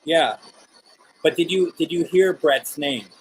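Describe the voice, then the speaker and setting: A man hosting a live spirit session, asking questions aloud in a casual, halting way and repeating his phrases. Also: fairly high pitch, husky, rough recording.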